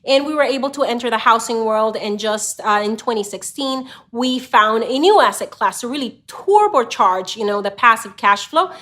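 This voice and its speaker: A woman's voice: a little high, expressive, normal speed, few pauses, fairly bright tone. Conversational woman from Honduras. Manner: conversational, frequent "you know" fillers. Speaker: real estate investor and channel host. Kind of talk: casual direct-to-camera talk.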